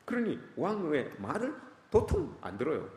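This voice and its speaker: Male pastor with an animated, rising delivery, recorded in a reverberant church. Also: a little high, moderate pace. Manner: animated preaching, often asks the congregation questions. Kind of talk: sermon. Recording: echoey church hall.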